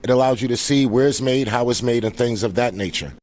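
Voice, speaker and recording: A man's voice: mid-range voice, quick pace, darkish tone, slight background noise. A man speaking as a founder presenting at a live event, informally welcoming guests in an earnest, grateful way.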